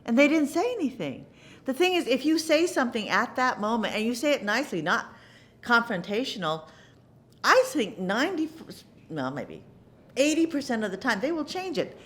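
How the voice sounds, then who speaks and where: A middle-aged woman in a theater interview, her pitch rising and falling freely as she talks. She reflects on her work in an animated, earnest way. She often doubles words for emphasis and brings quoted lines to life as she goes. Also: normal speed. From United States. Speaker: actress interviewee.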